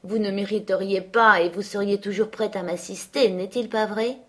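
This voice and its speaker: A whiny, taunting sickly teenage boy, put on by a woman reading a novel aloud. He wheedles and needles in a slightly raised voice of middling pitch. The delivery is read from a book, plainly narrated. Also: fairly even intonation, moderate pace, a bit bright, lightly acted. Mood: coaxing.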